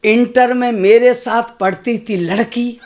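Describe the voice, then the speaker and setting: Slow older man reciting comic verse. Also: very high voice, steady tone, darkish tone, slight background noise. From India. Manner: slow, sing-song recitation with chatty asides to the audience. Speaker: comic poet. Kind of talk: humorous poetry recital on stage. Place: stage at a poetry gathering.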